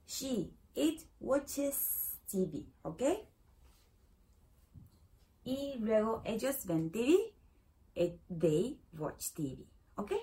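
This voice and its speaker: A woman teaching English in Spanish, patient and repetitive, slowing down to model each phrase and breaking into sudden excited exclamations. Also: medium pitch. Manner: drawn-out slow model phrases. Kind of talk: playful online English lesson in Spanish.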